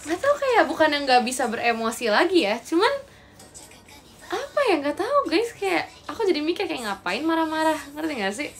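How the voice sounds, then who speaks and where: A woman's voice: high voice, big pitch swings, brisk, a little hiss or hum. A young woman chatting casually to her viewers on a livestream, rambling and talking to them directly. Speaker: idol livestreamer.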